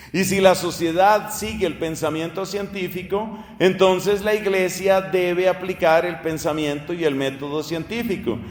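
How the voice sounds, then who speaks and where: A male preacher gives an earnest teaching sermon, asking rhetorical questions and spelling out names letter by letter. His voice sits high for a man. It rings through an echoey space with a long reverb tail. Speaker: priest preacher.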